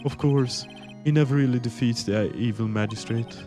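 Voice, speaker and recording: A man's voice: medium pitch, moderate pace, lightly acted. A man voicing a mild, sheepish male actor who explains himself hesitantly, with music playing behind. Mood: earnest. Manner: hesitant, earnest. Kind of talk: fan dub of a video game.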